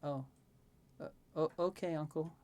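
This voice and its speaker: A woman voicing an eager, excitable little child in a tabletop role-play. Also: sits low, unhurried. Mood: disappointed.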